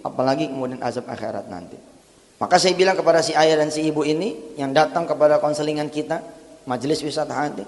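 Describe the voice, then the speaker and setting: A man preaching a sermon, switching between lively talk and melodic chanted recitation of verses. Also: on the high side. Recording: long hall reverb.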